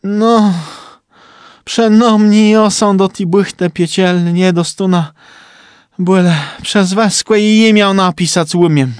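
A man with a Kashubian accent voicing a bewildered, homesick man touring hell, high and frightened in his exclaiming. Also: unhurried, dry recording, clean studio sound. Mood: sighing.

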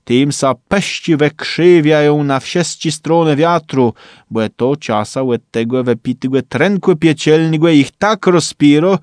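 Slow Kashubian man reading a tale. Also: fairly high pitch, darkish tone, clear, resonant tone, no room sound, studio quality. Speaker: storyteller. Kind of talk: reading a folk tale aloud.

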